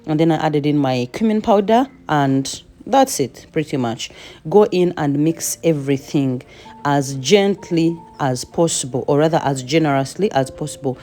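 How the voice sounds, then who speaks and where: A woman's voice: deep voice, normal speed, mellow, faint music behind. A woman home cook giving a chatty cooking voice-over with playful asides.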